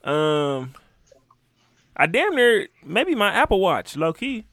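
A man's voice: high voice, sing-song, takes it slowly, fairly bright tone, no room sound, studio quality. A man bantering casually with friends, slangy and freely profane in a boisterous way.

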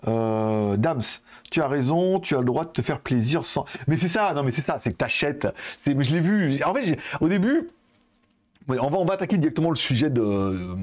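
A man streaming live, chatting casually, laughing often and reading viewer comments aloud. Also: medium pitch. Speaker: Twitch streamer.

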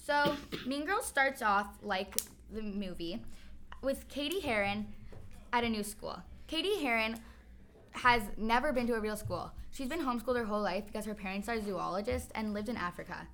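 A young woman with a bright, high voice presents a musical theater segment in a read-out, announcer-like way. Her tone is sharp and forward, and faint noise sits behind her. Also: normal speed. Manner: announcer-like, reading a summary. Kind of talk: semi-scripted segment presenting.

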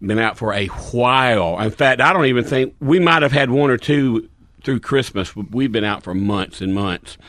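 A man's voice: medium pitch, expressive, moderate pace, a bit bright, dry recording. A middle-aged man on a casual podcast, a folksy storyteller who laughs easily and explains products plainly. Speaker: company founder and podcast regular.

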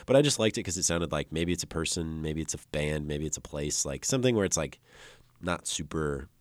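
A man's voice: extremely low pitch, lively intonation, a little fast, no echo. A man talking casually as an interview guest, in a laid-back, rambling way full of "like" fillers, recorded close to the mic. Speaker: musician guest. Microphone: close microphone.

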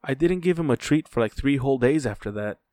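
A man voicing a restless, chatty eight-year-old girl in a high piping voice. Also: lively intonation, brisk, warm tone, no echo, natural voice. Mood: anxious.

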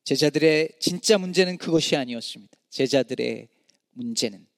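A middle-aged man preaches with a high, ringing voice that swells into anguished pleas and then sinks to a near hush. He is miked close and dry, yet a long reverb trails behind him in a large room. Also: expressive, normal speed. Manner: dramatic rises and hushed drops, voicing anguished cries to God. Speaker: pastor. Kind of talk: sermon.

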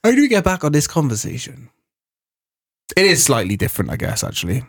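A young man chatting on a podcast. He tells stories with animated energy, dropping slang and swearing freely. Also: mid-range voice, fast, vocal fry, husky. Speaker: podcast co-host. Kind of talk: casual chat.

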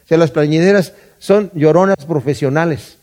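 A man's voice: on the high side, normal speed, darkish tone. A middle-aged man from Mexico with a Mexican Spanish accent, teaching a Bible study in a conversational way, often repeating words and asking "¿verdad?".

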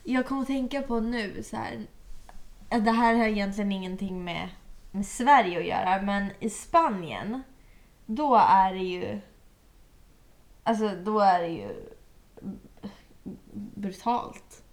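A woman's voice: mid-range voice, expressive, pauses often. A young woman, chatting casually and expressively, tossing in English phrases. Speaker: podcast co-host. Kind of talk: casual chat.

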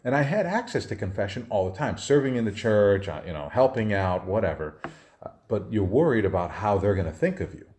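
Man, low voice, casual, self-deprecating, storytelling podcast guest. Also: big pitch swings, fairly quick, a little mellow, a little hiss or hum. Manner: casual and self-deprecating, chuckles through stories. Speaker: sub-deacon, podcast guest.

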